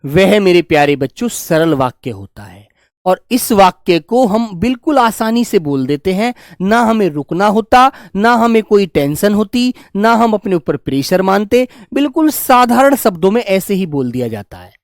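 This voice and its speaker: A man teaching a grammar lesson, dictating slowly and repeating phrases word by word, fondly reassuring his students. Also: high-pitched, very animated, no echo, studio quality. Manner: fond, reassuring, calls students "dear children". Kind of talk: classroom lesson with slow dictation.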